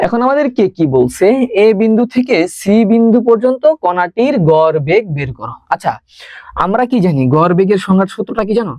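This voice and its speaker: Fast-talking man teaching online. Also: high voice, lively intonation, a little mellow, no echo. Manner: fast, chatty, mixes in English words. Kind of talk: live online class lecture.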